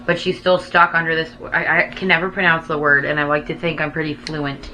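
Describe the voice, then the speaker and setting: A woman with a slightly low, forceful voice talks in a casual, opinionated gossip style. She is emphatic and slangy and swears freely. Faint noise sits behind her. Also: flat delivery, brisk, poor audio. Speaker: talk show host.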